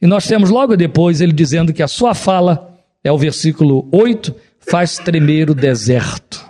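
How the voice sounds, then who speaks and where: A middle-aged man, preaching a sermon as pastor, swinging between raised exclamations and low, solemn passages. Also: normal speed, dark tone.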